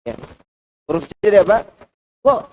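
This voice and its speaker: A man with a fairly high voice preaches to a mosque congregation. His delivery is animated, swinging from loud, emphatic lines to soft, hushed asides as he teaches. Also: moderate pace, low-quality recording. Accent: Indonesian. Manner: lively, shifting between loud and hushed delivery. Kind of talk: Quran commentary lecture. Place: large mosque.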